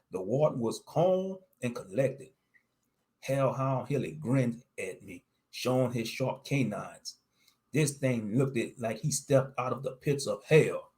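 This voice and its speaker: A man reading a scripted first-person story as its narrator. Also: mid-range voice.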